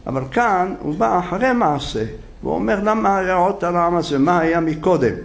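Man, rabbi, sermon, gravelly voice, slightly high, faint background hiss. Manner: impassioned, acts out quoted dialogue with raised voice. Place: synagogue.

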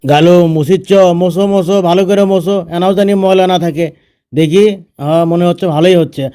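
Man as fast, high-pitched bossy army officer, Bogura accent. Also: fairly even intonation, mellow, natural voice. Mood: sarcastic ordering. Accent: Bogura, northern Bangladesh. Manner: scolding, sarcastic. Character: bossy, scolding male army officer, a father. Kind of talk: comedy dubbing in dialect.

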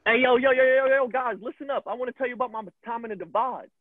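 A man's voice: very high voice, steady tone, fast, no room sound. A young man acting a tough, confrontational young man with brash street slang, in an amateur videoplay recorded over a video call. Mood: storytelling. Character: tough young man claiming a space as his own. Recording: tinny phone-like video call audio.

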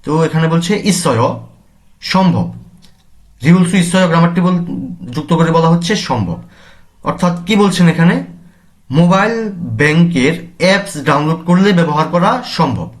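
A man's voice: fairly high pitch, expressive, normal speed, pauses often. A man teaching a language lesson, reading each word aloud and then explaining its meaning and use. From Bangladesh.

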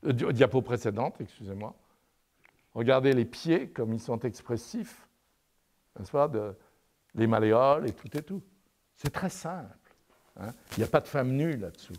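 A man lecturing on artistic anatomy at a university and talking through projected slides. His delivery is halting, with frequent "euh" and restarts, and he ends many phrases with "n'est-ce pas?". He uses the easy tone of a storytelling lecturer. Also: mid-range voice, lively intonation, darkish tone. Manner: tells a story and asks "n'est-ce pas?" over and over.

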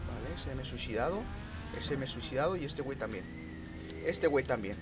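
A man streaming live gameplay commentary, excitable, muttering one moment and shouting the next. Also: mid-range voice, brisk, over music. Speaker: gaming streamer.

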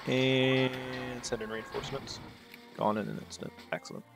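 A man speaks flatly at a moderate pace in a creaky, medium-pitched voice while music plays in the background. On his own gaming channel, this native English speaker casually talks through a strategy game, thinking aloud, rambling and aiming sarcastic asides at himself.

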